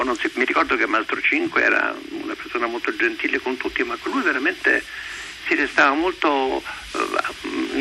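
Older man with a sharp, creaky voice. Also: medium pitch, low-quality recording. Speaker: guest recalling former colleagues. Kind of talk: halting reminiscence. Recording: faint noise behind the voice.

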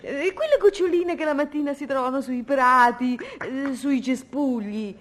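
A woman's voice: sits high, moderate pace, lightly acted. A woman playing a wife who nervously dodges her husband's questions, rambling and wheedling. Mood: evasive. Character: evasive wife dodging questions. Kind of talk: comic radio sketch acting.

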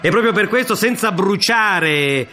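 A man's voice: high voice, lively intonation, unhurried, pushed and bright, faint music behind. A man hosting a casual radio interview, interjecting often and building up his lines theatrically. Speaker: radio host.

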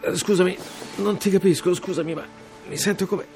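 A bewildered detective, as a man plays him, caught in something he cannot understand. He talks in a breathless, urgent, confused way, in an audio drama. Music plays clearly behind him. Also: high voice, steady tone, a little fast, a little mellow. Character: bewildered male detective, trapped.

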